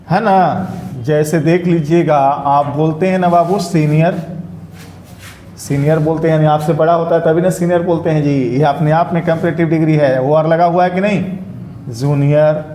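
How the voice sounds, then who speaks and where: A male English teacher, giving an interactive classroom lecture and constantly quizzing his students whether each point is clear. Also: a little high, warm tone, a little hiss or hum. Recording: echoey classroom room sound.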